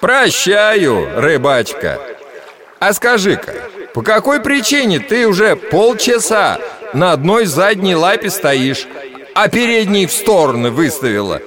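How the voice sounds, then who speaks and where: A man voicing a pompous, scolding but forgiving talking lake fish in an animated children's cartoon, with stately, old-fashioned folksy speech. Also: sits high, measured pace, crowd noise. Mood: gracious, curious.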